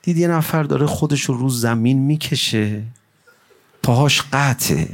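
A man giving an emotional religious mourning recitation to a gathering, pleading and impassioned, at times rising into a chant. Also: mid-range voice.

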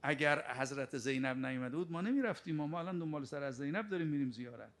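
Gravelly-voiced man preaching a sermon. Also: a little high, expressive. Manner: rebuking, with sharp rhetorical questions.

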